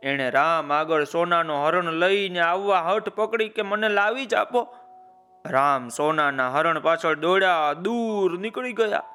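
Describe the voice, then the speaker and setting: Guy telling a kids story, bright clear voice, keeps turning to the listeners, soft music in the back. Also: fairly high pitch, unhurried, hardly any pauses. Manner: calls out to listeners with folksy asides. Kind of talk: children's story narration.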